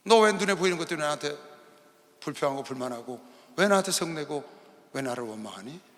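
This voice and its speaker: A man voicing God as a patient, fatherly figure who gently rebukes and pleads, speaking lower and softer than his usual preaching. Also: lively intonation, brisk. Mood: pleading rebuke. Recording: long arena hall reverb.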